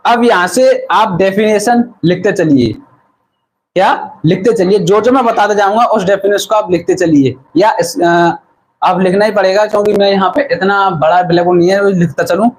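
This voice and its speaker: A man with a fairly high voice teaches a physics class during an online stream. He asks a question, then answers it himself and says the term again for the viewers to note down. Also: moderate pace, low-quality recording. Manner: repeats key terms and quizzes the viewers. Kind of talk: live online lesson.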